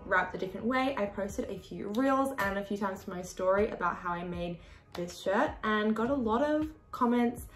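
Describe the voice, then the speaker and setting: A medium-pitched female voice echoes in a small room where a woman in her 20s from Australia sits at a desk with a sewing machine. She talks to camera in a chatty tutorial style, using expressive hand movements.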